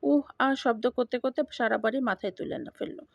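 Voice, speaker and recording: A woman narrating a first-person story in an even, matter-of-fact way. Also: a little high, a little fast, vocal fry, no room sound. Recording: dull lo-fi dry recording.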